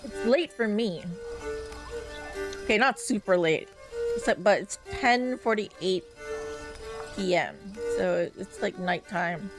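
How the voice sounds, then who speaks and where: A woman's voice: mid-range voice, animated, takes it slowly, pauses often. Tired, rambling young woman streamer. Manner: chatty, rambling with many fillers. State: tired, yawning. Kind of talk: casual let's-play commentary. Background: game music.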